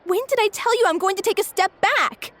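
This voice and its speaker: An actress playing a proud, determined lead actress in a video game, firm and indignant. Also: female voice, very high-pitched, fairly quick, fairly bright tone, slight background noise. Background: game music.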